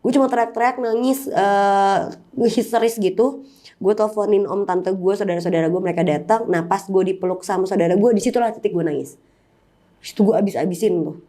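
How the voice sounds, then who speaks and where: A woman speaking, with a warm, mellow tone at a middle pitch. She tells a personal story to an interviewer in a candid, emotional way and drops in English words. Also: brisk. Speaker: interview guest. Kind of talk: personal storytelling in casual chat.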